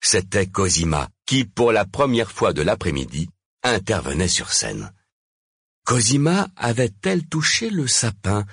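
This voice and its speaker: Deep, husky male storyteller, slow. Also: huge pitch swings, fairly bright tone, dry recording, studio quality. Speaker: narrator. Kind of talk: storybook narration.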